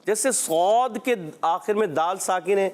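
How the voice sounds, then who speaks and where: A male Quran teacher with a high, smooth and resonant voice, leading a children's pronunciation lesson. He speaks patiently and encouragingly and stretches each letter sound out slowly for the class to repeat. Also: darkish tone.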